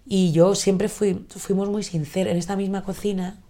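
A woman in her forties, talking haltingly and reflectively in an emotional personal conversation, recorded in her home kitchen. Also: medium pitch, flat delivery, mellow. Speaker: podcast guest.

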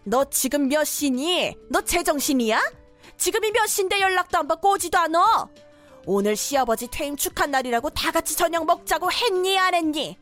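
A woman's voice: extremely high pitch, animated, moderate pace, a bit bright, soft background music. A woman voicing a domineering, scolding middle-aged mother-in-law in a cartoon story drama. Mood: furious.

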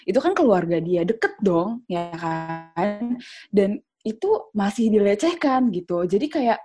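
A woman's voice: mid-range voice, very animated, unhurried, warm tone, soft background music. A woman speaking as a panelist in a casual discussion, chatty and full of fillers. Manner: chatty, repeats fillers like gitu and kayak.

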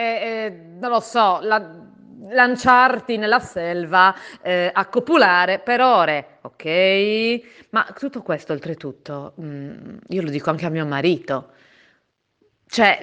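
Woman, podcast co-host, casual gushing voice message, sits a little low in pitch. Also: a bit bright. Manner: chatty, gushing, many fillers and restarts.

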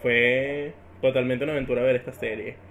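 A man's voice: medium pitch, fairly even intonation, brisk, fairly bright tone, slight background noise. A man hosting a podcast, asking open questions and affirming his guest's points. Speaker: podcast host. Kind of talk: casual podcast interview.

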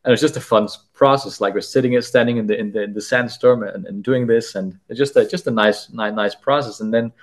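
A man's voice: mid-range voice, fast, hardly any pauses. A man speaking as a podcast guest, telling a story casually, often stumbling and repeating words as he goes.

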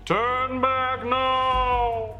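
An eerie, trembling ghost voice warns travelers off from deep inside a cave, as a man puts it on for a tabletop game. It drags every word out slowly and sits higher than a normal speaking voice, with a faint guitar playing behind. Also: level tone, bright, forceful tone, muffled recording, exaggerated voice. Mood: ominous. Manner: trembling, slow, drawn-out warnings.

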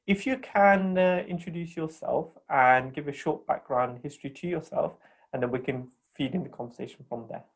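A man hosting a podcast, introducing his guest and asking questions in an upbeat, energetic way. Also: fairly high pitch, moderate pace, breathy edge. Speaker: podcast host. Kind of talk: interview hosting.

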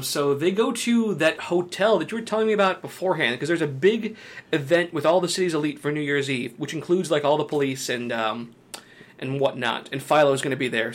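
Higher-voiced man recapping a film. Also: lively intonation, a little fast. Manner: recaps the plot, with lots of fillers and frequent laughs. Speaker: podcast co-host. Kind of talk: casual film discussion.

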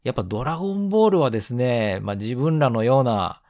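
Hay fever leaves this man of around forty sounding nasal and stuffed-up as he hosts a casual solo gaming podcast, polite and unhurried. His mid-range voice is animated and a little mellow, recorded at studio quality with no echo.

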